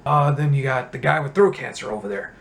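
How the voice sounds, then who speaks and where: A man playing a crude, bitter Batman with a raspy voice in a comedy sketch interview. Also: medium pitch, brisk, fairly bright tone. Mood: grumbling. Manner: profane, grumbling, dry. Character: gruff grown male Batman, crude and bitter.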